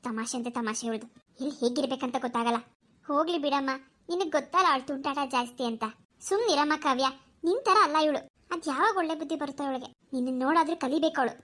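A middle-aged cartoon mother who soothes one moment and scolds the next, speaking in a high, bright voice that a woman puts on. She sounds caring but firm. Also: fast. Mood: scolding. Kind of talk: cartoon voice acting.

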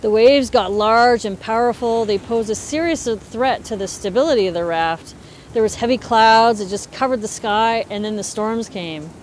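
A middle-aged woman telling a true story to camera in a casual, lively way, with a lapel mic, in front of a woodpile. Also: a little high, moderate pace, slight background noise. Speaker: host. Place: indoors in front of a stacked woodpile.

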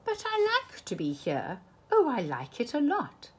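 A woman's voice: high-pitched, huge pitch swings, unhurried, a little hiss or hum, pitched above the performer's own voice, full character voice. A woman voicing a playful, boastful trickster cat from a storybook in a showy, sing-song, emphatic way. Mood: insistent, gleeful.

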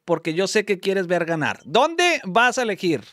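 A Mexican man hosting a live stream, calling followers and giving teasing, rapid play-by-play commentary. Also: high voice, very animated, bright, forceful tone, a little hiss or hum. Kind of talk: lively live-stream phone game commentary.

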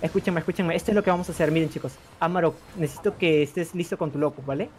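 A man calling out rapid, repetitive battle commands to his team over voice chat. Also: a little high, a little mellow, soft background music. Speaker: raid caller.

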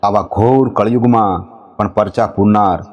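A man telling a devotional folk legend, reciting couplets slowly and drawn out between passages of narration. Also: on the low side, highs cut off. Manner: slow, measured recitation, drawing out couplets. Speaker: storyteller. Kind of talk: devotional folk storytelling with chanted verses.

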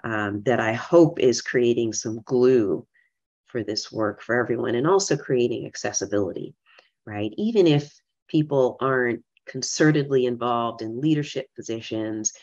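A woman's voice: rumbling low, normal speed, darkish tone. Woman, conference presentation, conversational, frequent "right?" tags, remote, dull lo-fi video call sound. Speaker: diversity executive speaking at a conference. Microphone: remote video call audio.

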